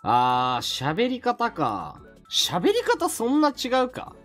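A man from Mie Prefecture with a Mie dialect, chatting on a casual stream in an animated, rambling, jokey way. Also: high voice, slow, soft background music. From Mie Prefecture, Japan.

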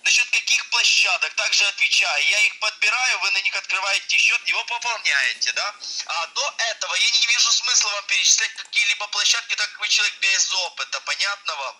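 A man's voice: sits high, a little fast, sharp tone, breathy edge. A man on a phone call, condescending as he argues and insists he not be interrupted, heard over a landline. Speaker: caller posing as investment specialist. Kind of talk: heated phone argument.

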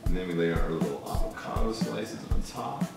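A middle-aged man hosting a casual cooking show in a home kitchen, explaining in a relaxed way. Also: deep voice, brisk, gravelly, echoey room, loud music behind the voice. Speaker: host.

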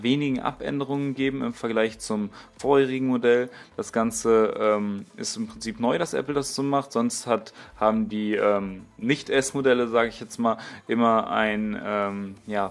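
Hesitant young man. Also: mid-range voice. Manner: hesitant, many fillers and restarts. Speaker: tech YouTuber. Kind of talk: casual voice-over commentary.

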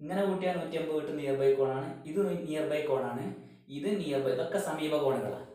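A man's voice: fairly high pitch, fast talker, mellow, distant mic. A man teaching a math lesson to schoolchildren, explaining step by step and asking questions that he answers himself, saying the English terms with a Malayalam accent. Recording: very echoey room.

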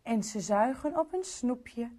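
A woman reads a rhyming children's picture book aloud in a sing-song cadence. Her voice is high and very lively in pitch, and she takes her time with each line. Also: takes it slowly. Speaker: storyteller.

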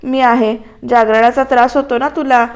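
A woman voicing a tired, caring elderly father who fusses gently over his wife in a soap recap. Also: on the high side, steady tone, moderate pace, muffled recording, lightly acted. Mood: gentle. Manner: gentle, weary.

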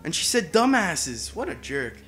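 A young man with a slightly high voice talks casually through a video game he is playing, with faint music behind him. He is playful and boastful and breaks into exclamations. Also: very animated, moderate pace, a bit bright. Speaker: gamer. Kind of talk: casual let's play commentary.

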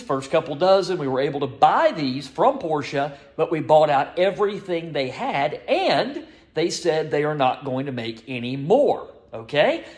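Upbeat man filming himself in a workshop. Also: on the high side. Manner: energetic, salesman-like, blunt. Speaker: engine shop owner. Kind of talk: casual shop vlog. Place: small indoor workshop. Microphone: phone camera at arm's length.

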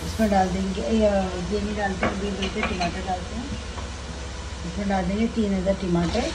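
A cooking channel host with a Pakistani Urdu accent chats casually in a voice-over for her home cooking video, explaining each step in her kitchen. Her mid-range voice is steady at a moderate pace, and the recording is very noisy, with background music.

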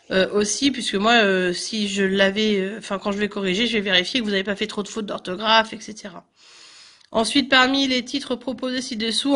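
Bright-voiced woman teacher correcting grammar. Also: a little high. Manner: methodical, spells out word endings letter by letter.

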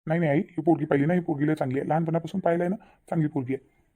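A woman voicing a cartoon character with rapid, teasing talk. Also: sits low, fairly even intonation, dark tone. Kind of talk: Marathi cartoon voice acting.

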